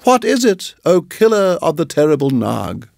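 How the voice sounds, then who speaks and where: A man voicing a feather-brained little male tailorbird who chirps in a high, excitable sing-song. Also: moderate pace, creaky, no room sound, studio quality, heavily acted. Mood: excited praising.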